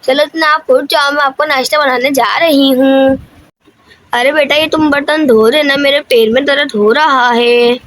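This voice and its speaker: Cartoon mom scolding her kid, woman voicing, high voice, bossy. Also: steady tone, a little slow, a bit bright, no echo. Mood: homely. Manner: scolding, instructing. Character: scolding cartoon mother Chanda. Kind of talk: cartoon voice-over.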